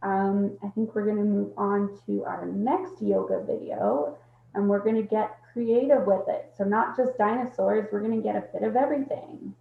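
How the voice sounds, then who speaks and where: A woman's voice: mid-range voice, moderate pace, gravelly. A woman presenting casually with hesitant fillers. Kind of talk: online presentation. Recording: tinny phone-like echoey line.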